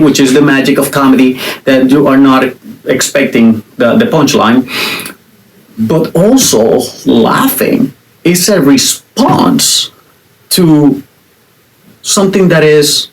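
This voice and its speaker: A man's voice: mid-range voice, slight background noise, low-quality recording. A middle-aged man hosting a podcast, giving a casual faith-based monologue with playful asides and jokes. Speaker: podcast host.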